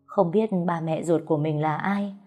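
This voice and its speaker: A woman narrating a first-person story in a steady, melancholy way, with soft music behind. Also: low-pitched, moderate pace.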